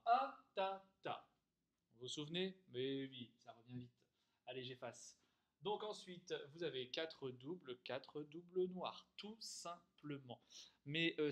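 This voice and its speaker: Patient French music teacher, slow. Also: male voice, a little high, a bit bright. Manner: patient, explains slowly, sings rhythm syllables and note names. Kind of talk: music theory lesson. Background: piano.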